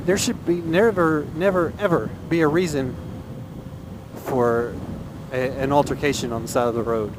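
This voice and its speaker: A man's voice: on the high side, fairly even intonation, moderate pace. A man talking casually and earnestly from inside a motorcycle helmet, giving his opinion as he rides and repeating phrases for emphasis. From Texas, USA. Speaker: motovlogger. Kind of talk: casual opinion monologue while riding. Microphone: helmet microphone. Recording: inside a helmet, loud wind and engine noise.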